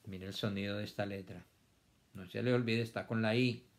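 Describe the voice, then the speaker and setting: A man with a lowish voice teaches a children's vocabulary lesson at a fairly quick pace and with fairly even intonation. He stretches words out syllable by syllable and repeats them so the class can copy.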